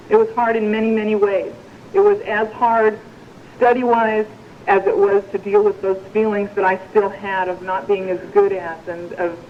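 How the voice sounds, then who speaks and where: A woman's voice: medium pitch, dull audio, a little hiss or hum. A woman giving a personal testimony at a recovery meeting, wry and conversational, peppered with "you know".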